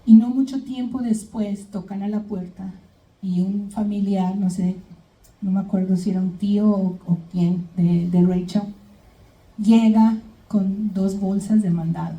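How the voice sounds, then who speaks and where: Woman preaching with a dark, mellow voice. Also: medium pitch, steady tone, unhurried. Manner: retells Bible stories, keeps checking in with "¿verdad?"; addresses congregation as brothers and sisters. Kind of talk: sermon. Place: church. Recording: echoey church hall, mic at a distance.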